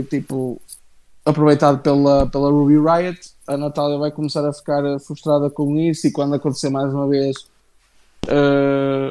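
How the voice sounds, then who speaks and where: Male co-host, European Portuguese accent, slightly raised pitch, halting and slangy, chatting casually and familiarly. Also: mellow, clear, resonant tone. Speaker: wrestling show co-host. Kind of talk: casual live chat about wrestling.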